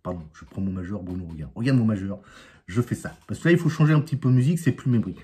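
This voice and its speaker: A man from France hosts his own magic channel and tells a trick as a joking story. He speaks in a lively, sing-song way, with his voice rising and falling a lot. He adds playful sound effects and friendly asides to the viewers. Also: on the low side, very fast. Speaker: amateur magician, channel host. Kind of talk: jokey storytelling to camera.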